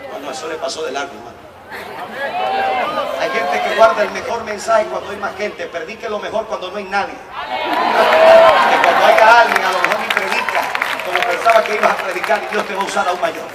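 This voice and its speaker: High-pitched Venezuelan preacher in an echoing hall. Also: male voice, sing-song, a little fast, recorded from a distance, a loud crowd, very noisy. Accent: Venezuelan Spanish. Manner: swings from quiet storytelling to shouted proclamations. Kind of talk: sermon.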